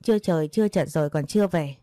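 A woman's voice: sits low, quick pace, mellow, no echo, studio quality, lightly acted. A woman doing a harsh old village moneylender. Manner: blunt, bullying, rude.

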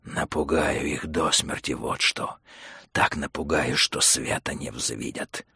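A man's voice: fairly even intonation, takes it slowly, sharp tone, slightly rough, no echo, studio quality, heavily acted. Man voicing a seething desperate fireman. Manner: low, seething.

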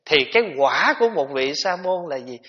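A man giving a gentle, conversational Buddhist dharma talk, with rhetorical questions for his listeners. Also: fairly high pitch, expressive, fairly quick. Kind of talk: sermon. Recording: dull lo-fi tape recording.

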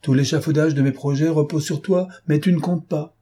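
A man's voice: on the high side, steady tone, a little fast, mellow, voice pushed up, lightly acted. A man reading an audiobook voices a proud, domineering noble master who speaks with emphatic irony. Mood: dismissive. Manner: emphatic, ironic, imperious.

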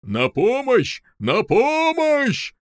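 A huge, bullying giant who draws out every threat, loud and heavy, in a slow, unhurried drawl, as a male narrator voices him. The voice sits at an ordinary male pitch but has a strained, altered edge. The recording is dry and close, with no room behind it. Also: no echo, natural voice. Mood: panicked. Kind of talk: audiobook character voice.

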